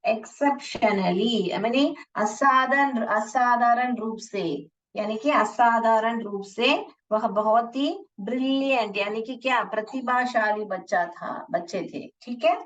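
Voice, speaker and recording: A woman teacher with a somewhat high voice talks slowly and deliberately, spelling out words letter by letter and asking her pupils questions. She mixes Hindi and English as she teaches. She sounds far from the mic, with a muffled, dull recording. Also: a bit bright. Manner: repeats and spells words, asks the class questions. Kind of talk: classroom lesson explaining an English text.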